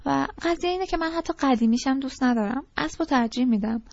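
Woman voicing a disgruntled teen boy, rambling, fairly high voice, lo-fi audiobook sound. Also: creaky, a little mellow. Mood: ranting. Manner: rambling and pleading. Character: restless, disgruntled teenage boy pouring out complaints. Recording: dull lo-fi recording.

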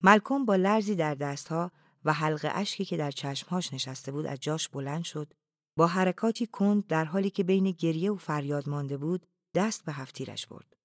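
A narrator reading a novel aloud in a calm, even, often hushed way. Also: mid-range voice, no room sound, clean studio sound.

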